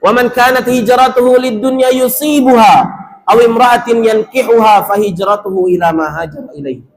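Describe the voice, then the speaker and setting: High-voiced preacher exhorting pilgrims. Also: male voice, normal speed. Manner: exhorting, acts out doubting worshippers, chants Arabic. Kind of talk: sermon to pilgrims. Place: mosque.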